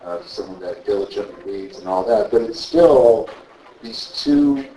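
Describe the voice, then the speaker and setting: A man's voice: lowish voice, animated, unhurried, dark tone, slight background noise. A man in the audience making an emphatic point about genes and free will. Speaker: audience member. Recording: distant echoey room mic.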